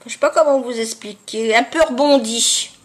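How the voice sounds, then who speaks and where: A woman chatting casually to viewers in a product review, with a congested, honking nasal voice and a halting delivery as she searches for words. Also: on the high side. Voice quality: nasal, honking, duck-like voice from blocked sinuses. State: congested with sinusitis. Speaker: beauty vlogger.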